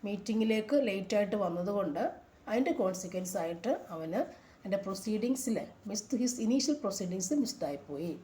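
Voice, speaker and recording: A woman, working through exam answers as a tutor. She reads each question slowly and clearly, then explains it in quick bursts. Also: medium pitch, warm tone.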